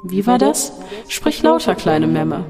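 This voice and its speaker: Narrator voicing a cruel taunting voice from the dark. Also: mid-range voice, big pitch swings, slow. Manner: mocking, then coaxing and seductive. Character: sinister male voice from a dark shaft, cruel, taunting. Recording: long reverb with faint music.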